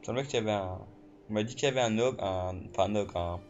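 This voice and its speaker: A man giving casual let's play commentary while he plays, excitable, full of fillers and swearing. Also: lowish voice, very fast, highs cut off. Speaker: gamer. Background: game music.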